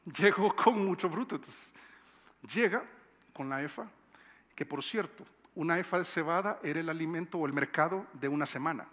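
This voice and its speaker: Bogotá-accented pastor preaching in a reverberant hall. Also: male voice, a little high, fairly bright tone. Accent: Colombian, Bogotá. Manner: conversational preaching, repeats phrases for emphasis. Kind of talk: sermon. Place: church sanctuary. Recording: long church-hall reverb.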